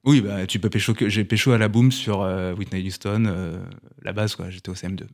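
A man with a lowish voice in casual podcast banter. He spins out rambling anecdotes and puffs himself up in a mock-grandiose way. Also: fairly even intonation, brisk. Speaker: podcast co-host.

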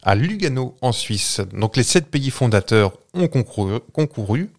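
A man's voice: mid-range voice, expressive, normal speed. A man with a French accent co-hosting a casual podcast, explaining facts with many fillers and restarts. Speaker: podcast co-host. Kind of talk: casual chat.

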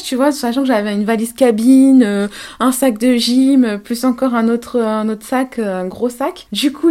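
A young woman, a podcast guest, telling her story in a casual, candid, animated way, with slang and frequent laughter. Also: fairly high pitch. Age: young adult.

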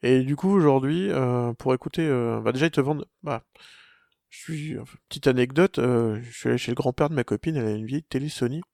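A man's voice: mid-range voice, fairly quick, vocal fry, a little mellow, no room sound, studio quality. A young adult man co-hosting a casual tech chat, rambling with many restarts and fillers. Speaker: podcast co-host.

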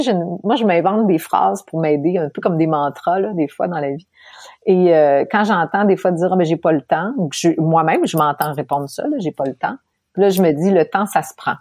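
A woman from Quebec with a Québécois accent, telling her story as an interview guest, animated and laughing often. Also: on the low side, a little fast, no echo, studio quality. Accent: Québécois French. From Quebec, Canada.

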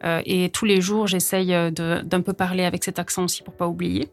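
A woman in her thirties from France, an actress chatting as an interview guest, hesitant with many fillers and quick to laugh. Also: lowish voice, flat delivery, soft background music. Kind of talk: casual conversational interview.

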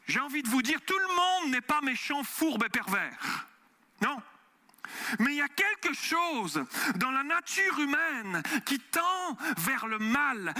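Male pastor, Swiss French accent with Quebec touches, animated sermon delivery, very high and bright. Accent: Swiss French mixed with Quebec and French. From Switzerland. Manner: animated, asks the audience questions.

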